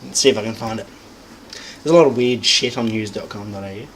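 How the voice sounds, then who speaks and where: A man's voice: fairly low pitch, fast, a little hiss or hum, poor audio. A young man, talking casually and crudely at home for his vlog, swearing and muttering as he browses. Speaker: vlogger. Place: home room.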